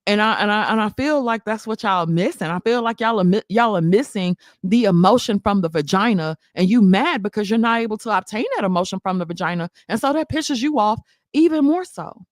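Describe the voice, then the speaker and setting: A woman's voice: medium pitch, animated, a little fast, hardly any pauses, no echo, studio quality. A woman, hosting a casual commentary stream, sassy and laughing, firing off emphatic rhetorical questions.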